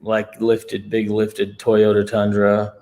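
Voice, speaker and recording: A man talks in a low, level voice that barely rises or falls. He hosts a casual livestream, rambling at an easy pace and leaning on fillers as he goes. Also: slow pace. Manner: relaxed, rambling with many fillers. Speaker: livestream host. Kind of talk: casual chat. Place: new home in a city.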